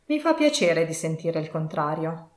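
A woman's voice: sits low, big pitch swings, moderate pace, darkish tone. A woman voicing a grumpy, sarcastic old miser in an audiobook, with curt, scornful delivery. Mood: gruff. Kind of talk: audiobook reading. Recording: roomy echo.

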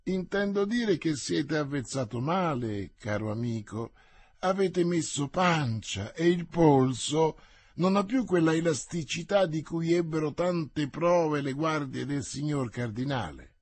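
A man reading the part of a shrewd, persuasive male musketeer in an audiobook, in a measured way. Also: on the high side, animated, a little mellow, husky, full character voice.

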